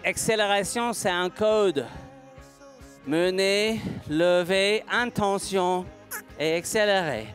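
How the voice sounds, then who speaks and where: A man's voice: sits high, takes it slowly, fairly bright tone, faint music behind. A man, a horse trainer speaking slightly broken French in a live seminar demonstration, asking rhetorical questions and answering them himself.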